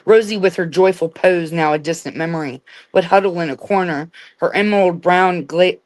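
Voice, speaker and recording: A woman reading a dark fairy tale aloud as a storyteller, stumbling and restarting words now and then. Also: lowish voice, moderate pace, no room sound. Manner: reads with slips and restarts. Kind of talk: read-aloud storybook narration.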